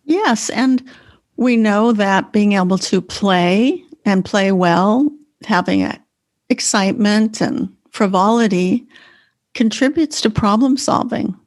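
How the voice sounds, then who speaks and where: A woman's voice: medium pitch, slow pace, dry recording, studio quality. A woman co-hosting a podcast as a Feldenkrais teacher, explaining in an earnest, conversational way. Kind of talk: casual conversation.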